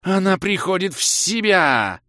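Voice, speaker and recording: Brief: male reader doing a huge female flame cobra for an audiobook, high, loud, slow roaring commands. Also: sing-song, dry recording, clean studio sound, exaggerated voice. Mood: furious. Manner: roaring, slow, drawn-out demands. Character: giant fiery female cobra, furious and commanding.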